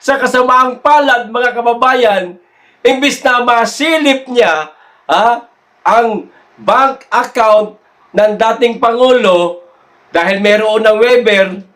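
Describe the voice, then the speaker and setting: A man's voice: extremely high pitch, a bit bright. A man giving casual political commentary to his viewers, teasing and laughing often. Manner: teasing, laughing often, slow drawn-out delivery.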